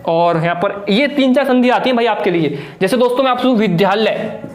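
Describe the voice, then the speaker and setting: A young man with a high voice teaches Hindi grammar in an echoing room, sweating as he goes. He answers his own questions and drives his viewers on like a coach. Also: animated, fairly quick. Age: young adult. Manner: exhorting, calls viewers friends and brother, asks then answers own questions. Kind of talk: exam-prep whiteboard lesson.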